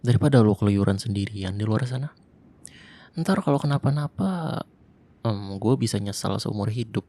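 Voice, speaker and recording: In an ASMR roleplay, a man plays a tough ex-special-forces survivor of a zombie apocalypse, protective and flirty. His gravelly, fairly low voice carries a Jakarta colloquial accent at a moderate pace, soft and reassuring with gentle teasing.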